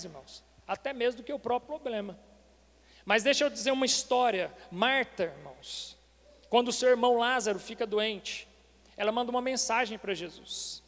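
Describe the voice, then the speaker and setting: A man with a very high voice preaches to his congregation, building his point through repeated rhetorical questions. His words ring out with a long reverb in a church hall. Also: a bit bright. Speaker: pastor. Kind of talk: sermon.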